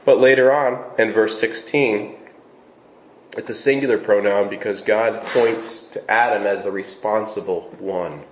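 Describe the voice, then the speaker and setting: A man's voice: on the low side, a little slow. Preaching man in an echoey church. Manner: earnest preaching with scripture reading and rhetorical questions. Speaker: pastor. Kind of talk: sermon. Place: church sanctuary. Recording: echoey, dull church recording with faint hiss.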